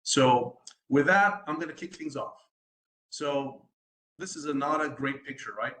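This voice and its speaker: A man's voice: on the high side, a little slow, fairly bright tone, reverberant, a little hiss or hum, rough recording. A man from the United States, a sustainability design consultant, giving a presentation at an online event, hesitant with many ums and restarts and a habit of asking "right?".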